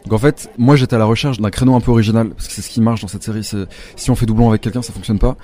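A man's voice: fairly low pitch, fairly even intonation, very fast, warm tone. A young man speaking candidly and reflectively as an actor guest in a casual interview.

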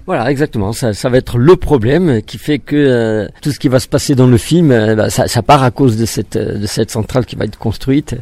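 Un réalisateur de cinéma qui parle de son film d'un ton posé, avec beaucoup d'hésitations. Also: male voice, mid-range voice, a little fast, hardly any pauses, no echo. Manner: relaxed, hesitant with many fillers. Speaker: film director. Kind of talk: press interview.

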